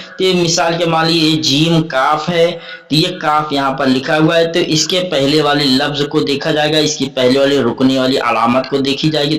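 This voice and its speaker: A man's voice: on the high side, fairly bright tone. A man teaching a lesson on Quran reading, explaining each point patiently and rephrasing it again and again.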